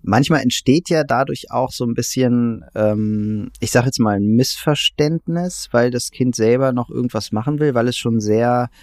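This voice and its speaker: A man's voice: mid-range voice, moderate pace, few pauses, darkish tone, no echo, clean studio sound. A man in a casual conversation, explaining things thoughtfully with frequent fillers.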